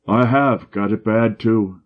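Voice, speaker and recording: A man voicing a young country doctor with a cold, husky, with a slight Scottish accent and a dry, sarcastic manner. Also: lowish voice, slow, voice pushed up. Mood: grumbling. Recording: dull lo-fi audio.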